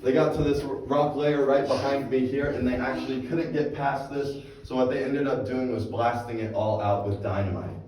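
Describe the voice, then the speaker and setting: A man's voice: mid-range voice, steady tone, normal speed, hardly any pauses, a little mellow. A man working as a tour guide, narrating to a group in a projecting, folksy way, in an echoing cave. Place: inside a rocky cave, standing among a tour group. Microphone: phone camera held several metres away. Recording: echoey cave, far from the mic.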